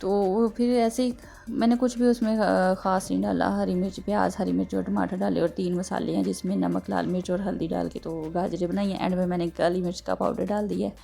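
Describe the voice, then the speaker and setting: A chatty woman talks through her housework in a rambling, homely way, leaning on small fillers. Her voice is dark and mellow with a gravelly edge and a slightly sore throat, recorded at home in a kitchen. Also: medium pitch, little pitch movement, brisk, faint music behind. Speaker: home vlogger. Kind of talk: casual chatty home vlog narration.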